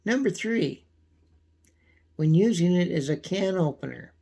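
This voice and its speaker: A man giving a casual, folksy how-to demonstration, his voice thin and squeaky from a coming cold. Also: expressive, dark tone. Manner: folksy, unhurried, frequent throat clearing. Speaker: video host demonstrating pocket knife care.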